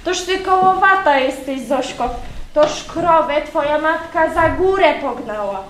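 A woman plays a sharp-tongued village aunt in an amateur folk stage play, scolding and nagging in folksy rural speech. The voice sits high. It carries through a roomy hall over faint ambience. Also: animated, unhurried, slight background noise. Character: bossy, gossipy village aunt gathering herbs. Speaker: stage actor in a school theatre group.

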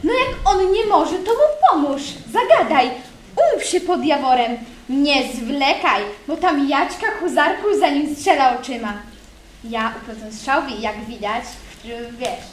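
A woman acting a teasing young village girl in an amateur folk stage play, chatting in lively rural speech. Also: high-pitched, unhurried, a little hiss or hum. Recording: roomy hall with faint ambience.

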